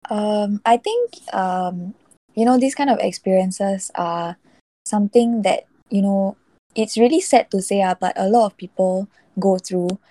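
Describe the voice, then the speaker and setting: A woman hosting a casual podcast, speaking haltingly as she searches for her words. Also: mid-range voice, dark tone, no room sound.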